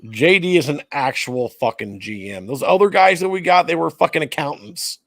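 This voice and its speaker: Gravelly, animated man cursing freely. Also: fairly high pitch, normal speed, no echo, clean studio sound. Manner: profane, animated, laughs often. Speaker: podcast co-host. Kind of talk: casual sports chat.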